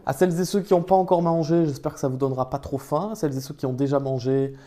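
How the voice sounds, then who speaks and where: A man's voice: fairly high pitch, fairly even intonation, fast talker, mellow. A man casually chatting to his viewers during a live stream, talking into a phone. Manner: chatty and improvised, talks to his chat.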